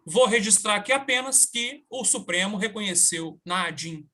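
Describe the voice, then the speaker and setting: Young lawyer guy: bright, lively storyteller who acts out the other voices. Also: high voice, moderate pace. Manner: animated, acts out quoted dialogue. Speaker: lawyer guest. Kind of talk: casual anecdote and legal explanation.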